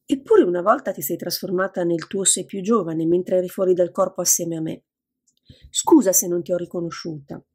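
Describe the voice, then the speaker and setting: A woman's voice: lowish voice, fairly quick, dark tone, husky. Cromwell, a woman voicing a cheerful young man. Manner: friendly, amused. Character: cheerful young man, red-haired reader.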